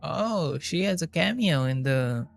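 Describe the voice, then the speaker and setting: A game streamer mutters to himself and swears freely during casual live gameplay commentary, with game music playing behind him. His voice is on the high side, animated and a little slow, with vocal fry.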